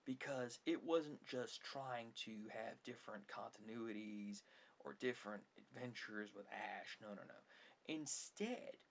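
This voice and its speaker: A man who makes ASMR videos rambles through his opinions in a husky, gravelly, medium-pitched voice, pausing haltingly, pressing points emphatically, and frequently restating things.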